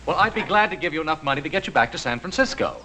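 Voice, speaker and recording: An actor playing an earnest, authoritative rancher's eldest son in a TV western, with an American accent and a measured, polite but firm manner. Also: male voice, fairly high pitch, expressive, lightly acted. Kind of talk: 1960s TV western acting. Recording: noisy old TV soundtrack.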